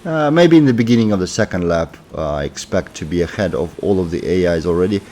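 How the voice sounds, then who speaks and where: A man with a cold-roughened sore throat chats casually about his racing game while playing, thinking out loud and filling gaps with lots of fillers. His voice is low and dark in tone, animated and quick.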